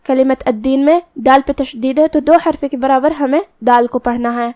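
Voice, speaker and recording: A woman teaching Quran recitation rules in a tajweed lesson, explaining each letter step by step and chanting verses slowly. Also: sits high, steady tone, mellow, no echo, clean studio sound.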